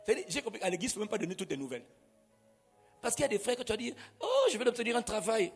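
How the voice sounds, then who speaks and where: Husky, high-pitched pastor. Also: male voice, sing-song, racing, long reverb tail, faint music behind. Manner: emphatic, call-and-response preaching. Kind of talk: sermon.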